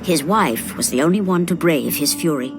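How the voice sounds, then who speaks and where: Mythic storyteller, lowish pitch, solemn, portentous, measured dramatic narration, video game, loud music. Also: female voice, expressive. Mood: grave, ominous. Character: solemn female storyteller of Greek myth.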